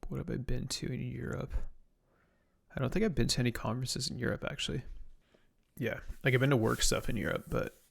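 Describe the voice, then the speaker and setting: A young Canadian man live-streams a reverse-engineering session, thinking aloud casually, muttering to himself and reading out chat questions to answer. His medium-pitched voice is fairly even, a little fast, with vocal fry and slight roughness.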